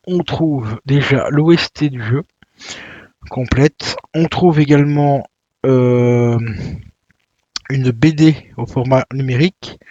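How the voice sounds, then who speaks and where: A man's voice: medium pitch, mellow, no room sound, muffled recording. A man chatting casually while he unboxes a video game, with lots of fillers and self-corrections. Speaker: YouTuber unboxing video games.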